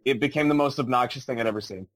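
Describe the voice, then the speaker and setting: A man rants bluntly during a casual movie quiz, piling up complaints. His voice sits at an average pitch. The sound is dry and close. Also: racing, fairly bright tone, dry recording. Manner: blunt, ranting. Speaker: quiz contestant. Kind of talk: casual podcast game chat.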